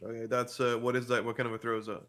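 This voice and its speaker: A man's voice: medium pitch, little pitch movement, very fast, fairly bright tone. A man playing a tabletop game, hesitant and muttering, swearing as he fumbles the rules. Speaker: player. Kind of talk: casual tabletop game chat.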